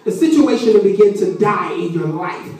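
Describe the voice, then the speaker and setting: A woman preaching a sermon in a church, her voice swelling into shouted, sing-song passages, recorded on a phone from across the room. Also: medium pitch, lively intonation, normal speed. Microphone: phone camera from across the room. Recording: echoey church hall from far off.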